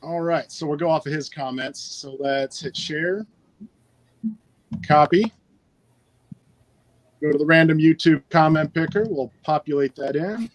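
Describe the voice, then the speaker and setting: A man's voice: a little high, measured pace, pauses often, a little hiss or hum, low-quality recording. A man hosting a live stream giveaway in a casual, chatty and upbeat way, talking into a phone. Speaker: livestream giveaway host.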